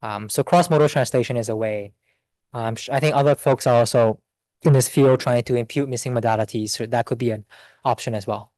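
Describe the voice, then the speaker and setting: Man, seminar speaker, quick think-aloud answers, dry close sound. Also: medium pitch, steady tone, darkish tone, dry recording. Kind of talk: academic Q&A.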